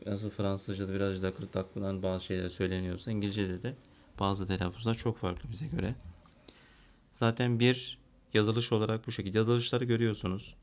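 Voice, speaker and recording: A man's voice: low-pitched, vocal fry. A man from Turkey working as a primary school English teacher, walking through a lesson, translating and thinking aloud with fillers. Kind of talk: classroom lesson walkthrough. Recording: dull lo-fi recording.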